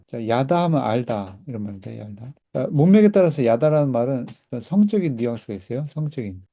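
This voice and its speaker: A man's voice: mid-range voice, warm tone. A man teaching a Hebrew class, patiently explaining and repeating words for students to echo. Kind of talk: classroom language lesson. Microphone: recorded class, whiteboard teaching.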